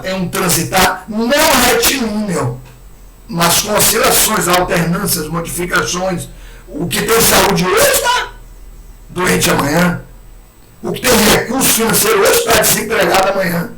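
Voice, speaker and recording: A man with a hoarse throat giving an animated spiritist lecture, acting out the words of imagined people. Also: sits high. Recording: echoey room, far mic, loud noise.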